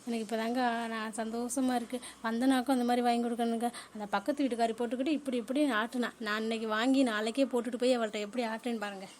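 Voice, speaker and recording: A woman's voice: a little high, fairly even intonation, racing, few pauses, a little hiss or hum, lightly acted. A woman voicing a scheming wife. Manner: scheming asides. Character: scheming adult wife, female, greedy. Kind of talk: cartoon family drama.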